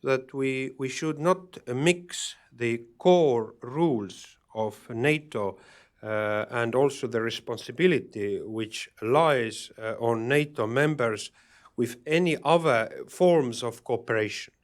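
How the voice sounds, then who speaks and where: A man at a public panel answers questions from the audience. He speaks haltingly and fills his pauses with frequent hesitations and false starts. His voice sits at a middling pitch. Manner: halting, many fillers and restarts. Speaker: panel speaker on security policy.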